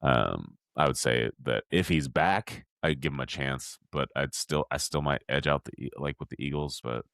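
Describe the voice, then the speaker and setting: A man talking as a guest on a casual sports podcast, halting, with many restarts. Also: very deep voice, vocal fry, fairly bright tone, no room sound, studio quality.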